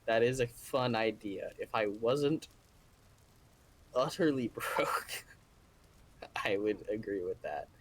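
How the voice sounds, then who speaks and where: A man talking quickly as a guest on a live stream, his sentences trailing off softly. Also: fairly low pitch, lively intonation. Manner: talks fast, trailing off softly. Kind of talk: casual chat.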